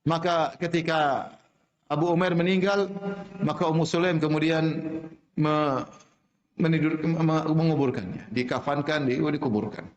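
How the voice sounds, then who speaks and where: A man delivering a sermon in a fairly high voice, driving his points home by repeating key lines and slipping into Arabic recitation. The room around him is echoey, so his words ring out with a noticeable reverb. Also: steady tone, measured pace, dull audio. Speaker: Islamic preacher.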